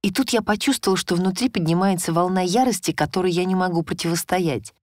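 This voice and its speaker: A woman reading a first-person story as audiobook narration, in an expressive storytelling manner. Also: fairly low pitch, quick pace, dry recording, studio quality. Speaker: audiobook reader.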